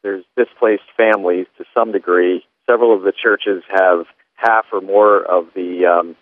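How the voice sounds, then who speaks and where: A man's voice: low voice, steady tone, moderate pace, no room sound. A man giving interview comments as a relief director over a tinny phone-like line. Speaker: crisis response director. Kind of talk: interview sound bite.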